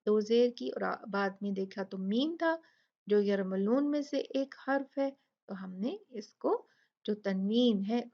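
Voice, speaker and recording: A woman teaching Quran recitation rules step by step, patiently explaining and slowly drilling each word. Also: a little high, muffled recording. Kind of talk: step-by-step tajweed lesson.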